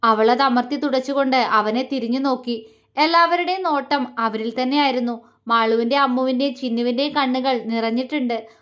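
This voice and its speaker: A woman storyteller reading a romantic audio story in a steady, expressive way. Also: high voice, fairly quick. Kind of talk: scripted romantic story narration.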